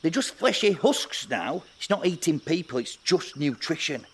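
A man's voice: fairly high pitch, very animated, moderate pace, a little hiss or hum. A man playing a crash survivor who casually and reasonably argues grim ideas in a comedy sketch. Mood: casual, persuasive. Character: blithely macabre male crash survivor keen on cannibalism.

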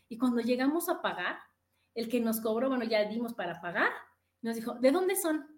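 A middle-aged Mexican woman hosting a podcast, telling stories in a casual, animated way and acting out the voices she quotes. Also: fairly quick, roomy sound. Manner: animated, acts out quoted voices with big pitch jumps. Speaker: podcast host. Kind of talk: casual storytelling monologue.

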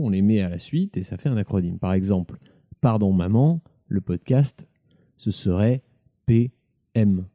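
A man's voice: lowish voice, warm tone. A man giving a podcast's reporter segment, explaining things to listeners in a chatty, teacherly way from indoors at home. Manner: chatty and didactic, checks in with listeners.

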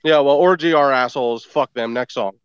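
A man's voice: mid-range voice, a little fast, smooth, no room sound. A man co-hosting a podcast in casual banter, blunt and scornful, swearing heavily. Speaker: podcast co-host. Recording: dull lo-fi mic.

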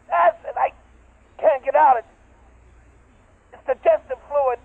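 A doomed field captain. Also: male voice, very high voice, measured pace, gravelly, no echo, exaggerated voice. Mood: panicked. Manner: casual, then screaming in panic. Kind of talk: 1950s radio drama acting. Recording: dry tinny old radio sound.

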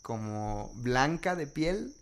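A man's voice: mid-range voice, very animated, takes it slowly. A young man with a Mexican accent in casual conversation, telling personal anecdotes in a candid way.

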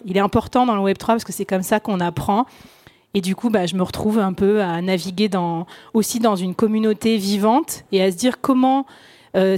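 A woman's voice: mid-range voice, a little mellow, no echo. Chatty French woman on a dry stage. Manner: chatty, loose, frequent fillers and restarts. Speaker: podcaster and panel guest. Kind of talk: round-table discussion. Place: conference stage.

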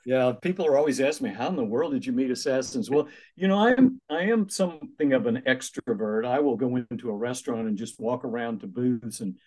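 This older author and minister has a medium-pitched voice and talks a little fast with barely any pauses. Telling stories during an interview, he animatedly performs the voices he quotes.

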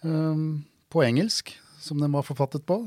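A man's voice: on the high side, fairly even intonation, darkish tone, no room sound, studio quality. Role: wry male lawyer guest. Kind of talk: anecdotal storytelling.

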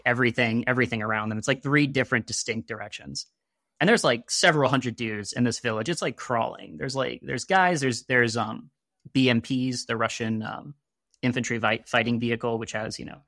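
A man's voice: mid-range voice, sharp tone, dry recording, studio quality. A man chatting casually on a podcast about a video game, rambling with lots of "you know" and "like" and throwing in sarcastic asides.

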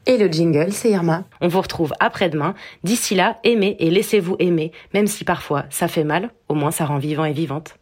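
A woman calmly reading the credits of a podcast. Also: lowish voice, brisk, few pauses, breathy edge. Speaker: podcast announcer. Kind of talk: scripted credits narration.

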